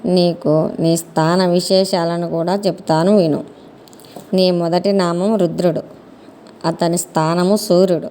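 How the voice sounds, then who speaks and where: A woman voicing the god Brahma as a solemn, wise creator father, explaining at a slow pace in a mellow voice. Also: fairly low pitch, a little hiss or hum.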